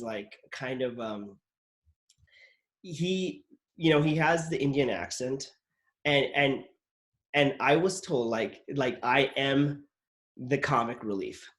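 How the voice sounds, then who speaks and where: A man with a mid-range, fairly bright voice hosts a casual interview show. He rambles through stories from his acting work, leaning heavily on "like" and restarting his sentences. He's both a podcast host and an actor.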